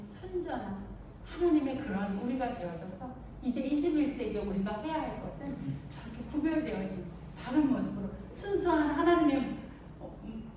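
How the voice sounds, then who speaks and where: Animated woman telling stories in an echoey church hall. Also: fairly high pitch, background noise. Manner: lively storytelling, acts out quoted voices, laughs often. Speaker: speaker at a church teacher training. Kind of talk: anecdotal church talk. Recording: very echoey hall, distant mic.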